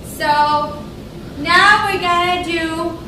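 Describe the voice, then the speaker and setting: A woman's voice: very high voice, steady tone, drawn-out words, bright, forceful tone. A woman speaking as a kindergarten teacher, giving an earnest, upbeat classroom lecture in simple words for young children. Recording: distant mic, very echoey noisy room.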